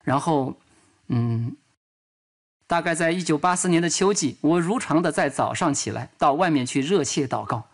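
A man's voice: a little high, expressive, moderate pace. A man voicing a dubbed sermon as a preacher, telling his own testimony earnestly and reading scripture aloud.

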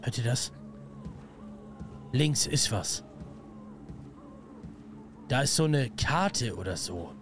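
A young man commentating a horror game live, excitable and slangy, greeting viewers. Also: medium pitch, slow, pauses often, music in the background. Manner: excitable, slangy, yelps at scares. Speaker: gaming streamer. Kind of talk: let's play commentary.

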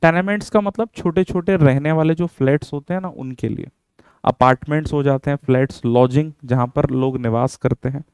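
An Indian man with a slightly raised, very clear voice gives an online vocabulary lesson. He explains each word in a chatty, encouraging way and keeps asking rhetorical questions. The recording is dry and close, with no room sound. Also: on the high side, fairly quick, darkish tone, no room sound. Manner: chatty and encouraging, mixes English words into Hindi, asks rhetorical questions. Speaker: vocabulary teacher.

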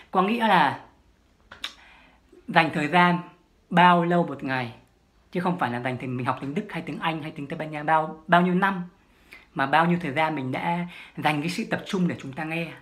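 A woman, a language-learning vlogger giving a solo advice monologue, emphatic and repeating her key points. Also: low voice.

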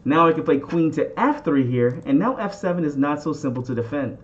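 Higher-voiced man teaching, slightly muffled sound. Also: expressive, brisk. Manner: addresses viewers with questions and catchphrases. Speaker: chess instructor and channel host. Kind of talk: instructional game commentary.

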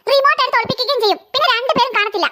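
A woman's voice: extremely high pitch, rapid-fire, sharp tone. A woman voicing a busy, short-tempered mother in a cartoon who scolds her two daughters. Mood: scolding. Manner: scolding, exasperated. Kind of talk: cartoon voice acting.

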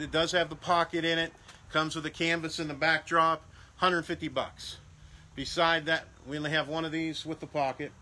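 Male salesman, slightly high voice, casual product walkthrough, noisy recording with vehicle noise behind. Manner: chatty, repeats prices, restarts phrases; walking around showing products. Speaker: salesman for a game rental company.

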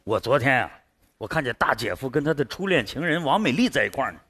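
A man's voice: mid-range voice, very animated, fast talker. A man acting in a stage comedy sketch, meddling and mischievous. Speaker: comic actor in a sketch. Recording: stage mics, loud audience noise.

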